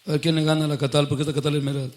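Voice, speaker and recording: A man's voice: a little high, flat delivery, rapid-fire. A man preaching a sermon, quizzing his congregation and building to fervent outbursts.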